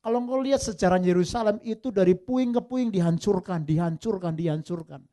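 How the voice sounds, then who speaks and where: A male pastor preaching a sermon, swinging from loud emphatic peaks to soft low asides and mixing in English phrases. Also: fairly quick. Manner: lively preaching, mixing English phrases, addresses listeners as brothers and sisters.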